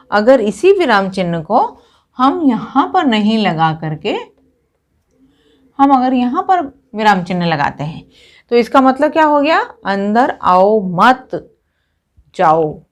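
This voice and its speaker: Female teacher, slightly higher voice, patient step-by-step lesson delivery. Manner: explains step by step, repeating a stock opener before each point. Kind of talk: classroom grammar lesson.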